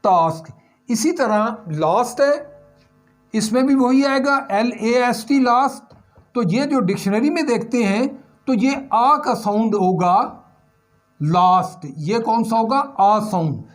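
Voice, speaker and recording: A man's voice: extremely high pitch, unhurried. A male English teacher giving a recorded lesson on pronunciation, asking questions and answering them himself while repeating the key sounds.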